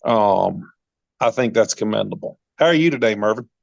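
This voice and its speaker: A man hosting a podcast in a chatty, casual way, with lots of ums and repeated words, his voice jumping up when he gets excited. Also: lowish voice, moderate pace, creaky, dry recording, highs cut off. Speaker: podcast host. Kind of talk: casual interview chat.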